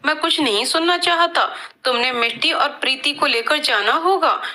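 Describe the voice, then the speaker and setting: A woman's voice: high-pitched, normal speed, sharp tone. A woman voicing a commanding older father in a storybook tale, speaking firmly and allowing no argument. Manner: firm, brooks no argument.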